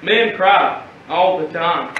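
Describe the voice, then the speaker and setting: A man's voice: a little high, takes it slowly, highs cut off, a little hiss or hum. A young man playing a folksy uncle out fishing. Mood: soothing. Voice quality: folksy, coaxing, animated. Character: genial Southern uncle teaching a boy fishing. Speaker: stage actor. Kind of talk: live stage monologue. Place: theater stage. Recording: very echoey theater from far off.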